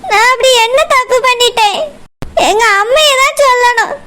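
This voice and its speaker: Squeaky crying cartoon wife. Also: female voice, fairly even intonation, a little fast, pushed and bright. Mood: tearful. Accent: Kanyakumari Tamil. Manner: crying and pleading, defending her mother. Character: tearful young wife, pleading and hurt. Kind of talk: cartoon voice acting.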